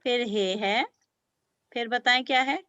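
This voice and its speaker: A woman's voice: a little high, slow, a bit bright, dry recording, lo-fi sound. A woman teaching beginner language to children, patiently sounding out letters and praising often. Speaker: Urdu teacher.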